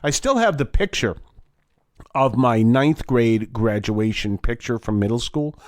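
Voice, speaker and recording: A wheezy man, middle-aged or older, hosts a conversational religious talk in a medium-pitched voice. He rambles through his points with an allergy wheeze, and the sound is very dry. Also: a little slow, no room sound. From Massachusetts, United States. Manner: rambling, animated storytelling with acted-out quotes. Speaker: religious talk show host. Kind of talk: casual, conversational faith talk.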